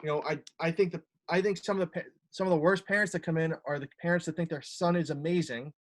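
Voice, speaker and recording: Rambling young coach on a call. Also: male voice, fairly high pitch, steady tone, fast. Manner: rambling, many fillers and restarts. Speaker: college lacrosse assistant coach. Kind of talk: casual talk on a video call. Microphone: video call.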